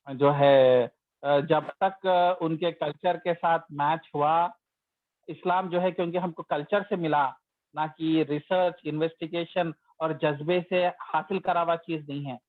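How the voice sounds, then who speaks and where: Here an Islamic teacher, his voice fairly high, teaches religion conversationally, narrating a story and now and then playing out the grievances of the people in it. The recording is dry and tinny, like a phone line, with no room sound.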